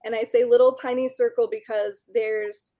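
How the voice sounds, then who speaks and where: A woman's voice: on the high side, level tone, moderate pace, warm tone. A woman hosting an interview in a conversational style. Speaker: interview host.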